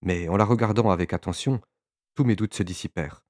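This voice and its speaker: A man narrating a literary audiobook in a measured way, with occasional small hesitations. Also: sits low, darkish tone, no echo, clean studio sound.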